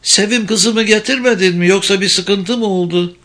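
A man's voice: animated, moderate pace, pushed and bright. A man voicing a frail, tearful old village mother with a trembling voice in a storybook reading. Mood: pleading. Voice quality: trembling, high voice.

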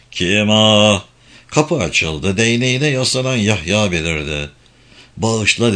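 A man reading a novel as an audiobook narrator, steady and measured. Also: on the low side. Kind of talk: scripted narration.

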